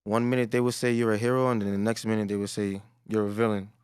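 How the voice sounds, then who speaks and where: Low-key young man with a deep, smooth voice. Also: little pitch movement, fast, darkish tone, no room sound, clean studio sound. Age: 20s. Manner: laid-back, low-key, trails off with "that's really it". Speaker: rapper guest. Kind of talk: casual interview chat.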